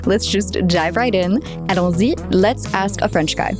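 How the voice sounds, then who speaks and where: A woman's voice: mid-range voice, a little slow. Woman, podcast host, bubbly, giggly, casual chat, faint background music. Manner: bubbly, laughs often. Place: Paris.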